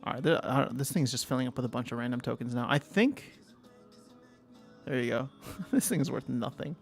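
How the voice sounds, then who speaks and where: A man's voice: mid-range voice, normal speed, gravelly, faint music behind. A young man hosting a casual livestream, thinking aloud, answering chat and trailing off mid-sentence. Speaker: livestream host.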